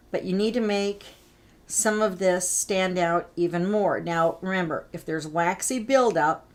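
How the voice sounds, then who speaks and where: Woman, lowish voice, chatty art instructor, live coloring tutorial. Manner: chatty, instructive, greets viewers by name.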